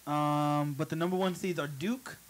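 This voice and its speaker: A man in a casual group chat, talking haltingly with restarts as he reads out sports news. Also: on the high side, fairly even intonation, low-quality recording. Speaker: co-host.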